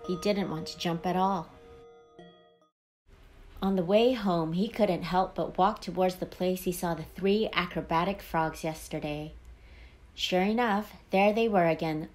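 A woman reading a children's picture book aloud in a gentle, expressive storytelling voice. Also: fairly low pitch. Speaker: storybook reader.

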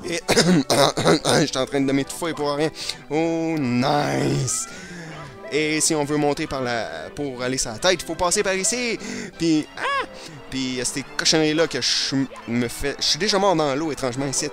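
A man's voice: a little high, normal speed. A man with a Québécois accent commenting on a video game in a let's play, hyper and rambling nonstop, his throat a little irritated. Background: video game music.

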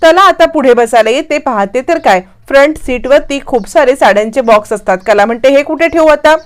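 Woman recap narrator for a TV serial, fairly high voice, brisk storyteller. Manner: brisk storytelling with quoted dialogue. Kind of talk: scripted episode recap narration.

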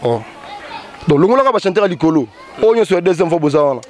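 A man, a show hype man and singer, chatting casually in an interview in a relaxed, halting way. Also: fairly high pitch, some chatter behind. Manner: mixes French and Lingala, relaxed and halting.

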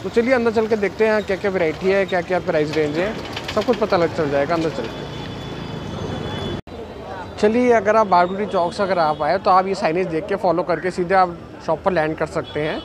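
A man's voice: high-pitched, brisk. A man giving a walking tour of a market shop on a handheld phone camera, often repeating words as he points things out. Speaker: vlogger. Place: busy city market street and shop at night. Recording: street noise behind.

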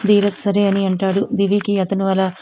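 Woman storyteller, calm reading, flat pitch, slightly dull recording. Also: fairly quick, very noisy. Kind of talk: reading a serialized romance story aloud.

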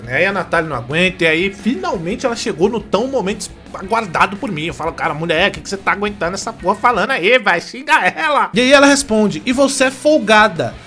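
A man's voice: high voice, sharp tone. A young Brazilian man hosting a show, ranting indignantly and swearing while he reads out a story and acts out its quotes. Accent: Brazilian Portuguese. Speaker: host. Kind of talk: ranting commentary reading a story.

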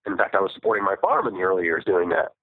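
Low-voiced guy on an old flip phone call, husky, lively pitch, rambly. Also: racing, no echo. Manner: rambling, self-correcting, laughs often. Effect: talking over a flip phone call. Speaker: guest farmer. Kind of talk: casual interview chat. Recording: dry phone-call audio.

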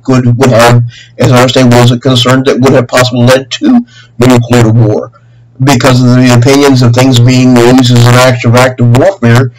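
A middle-aged man with a mid-range voice calls a government office to complain, sounding aggrieved and earnest. His spontaneous, rambling monologue halts and repeats itself in long, winding sentences. It was captured indoors in a small room at home on a noisy webcam with a hum.

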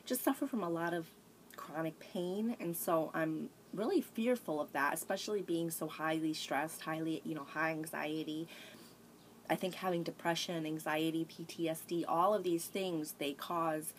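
Recorded on a tablet camera at arm's length in a small, sunlit room, this thirties-aged woman rambles through a candid confessional chat for her home vlog. Her pitch is low, she often restarts and sighs, and a little hiss or hum runs under the audio.

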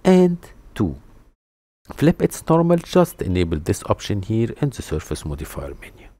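Low, husky-toned male tutor, lively rises and falls, talking calmly through each step at the desktop mic. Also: moderate pace. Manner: step-by-step, methodical, with restarts and a stumble over a word. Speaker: 3D modeling tutor. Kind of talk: screen-recorded software tutorial.

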